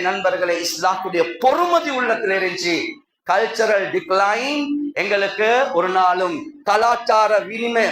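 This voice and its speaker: A man's voice: sits high, fairly bright tone. A man preaching a live Friday sermon in a mosque with a Sri Lankan Tamil accent, impassioned and rhetorical, calling out to his congregation again and again. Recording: echoey hall with crowd.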